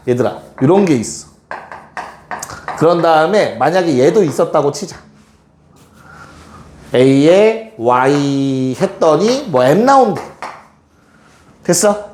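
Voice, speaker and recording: A man with a high-pitched, slightly mellow voice teaches math, speaking directly to students and frequently stopping to check their understanding. The recording comes from an echoing classroom with faint noise.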